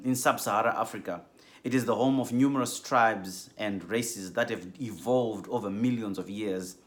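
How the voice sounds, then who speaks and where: A man from Zimbabwe giving a measured, earnest class introduction as a doctoral theology student, with frequent ums. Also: on the low side.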